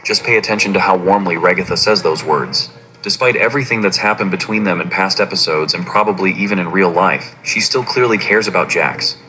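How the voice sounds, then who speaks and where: Deep-voiced man narrating a theory. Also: brisk, pushed and bright, rough recording. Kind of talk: scripted narration.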